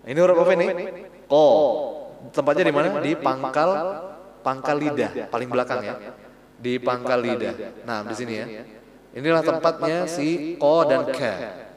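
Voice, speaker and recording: A male Quran recitation teacher giving a relaxed lesson, repeating syllables slowly to demonstrate sounds, recorded in a mosque hall. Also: mid-range voice.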